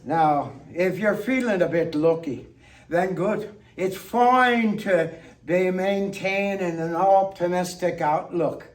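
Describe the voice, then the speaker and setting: A man with a voice that sits high performs a theatrical monologue of toasts, playful and tipsy in the style of a toastmaster, with deliberate pauses. A distant microphone picked him up.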